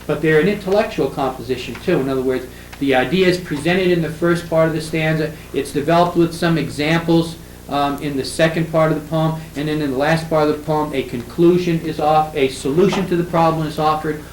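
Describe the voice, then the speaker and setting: An older man lecturing a class, his voice a bit high and often halting on fillers and restarts. He slows down to read lines of verse with heavy stress. The room is echoey, with a faint hum of ambient noise. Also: fairly even intonation. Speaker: literature professor.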